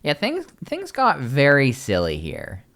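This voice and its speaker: A man hosting a casual podcast, rambling with quick asides and restarts. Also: mid-range voice, wildly swooping pitch, a bit bright. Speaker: podcast host.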